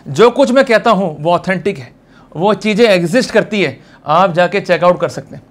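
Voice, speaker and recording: A lawyer with an Indian accent and a strikingly high voice lectures on law like he's at the front of a class. Animated and at a moderate pace, he explains informally but emphatically, firing checking questions directly at his listeners.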